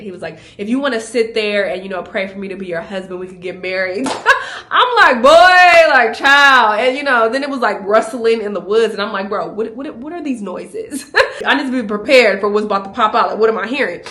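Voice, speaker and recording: A young woman vlogging a casual travel storytime, animated and laughing as she acts out what people said to her. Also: medium pitch.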